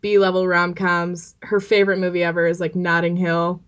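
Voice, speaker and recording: This podcast co-host and producer is an informal, opinionated woman who laughs easily, alternating between chatting and reading a synopsis aloud. She speaks at a moderate pace in a low-ish, monotone, somewhat bright voice, and the recording's highs are cut off.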